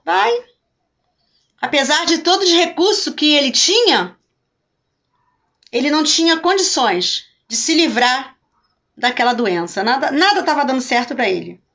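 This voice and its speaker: Mulher pastora, voz aguda, fala de live. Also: female voice, high-pitched, expressive, normal speed, a bit bright, muffled recording. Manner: talks chattily and greets viewers by name. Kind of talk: live-streamed devotional talk.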